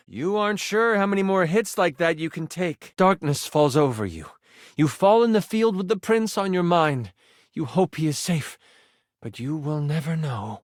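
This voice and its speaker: A male voice plays an excitable twenty-sided die turned game master, narrating a fantasy tabletop adventure with theatrical, playful flair. His fairly high pitch swings widely as his mood shifts from excited to grave. The video game recording is close and dry, with no room sound.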